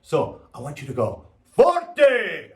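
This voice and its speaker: A man's voice: mid-range voice, sing-song, a little slow, roomy sound, far from the mic. A man teaching a music class and coaxing pupils to repeat words after him. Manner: upbeat, coaxing call-and-response. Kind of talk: follow-along class lesson.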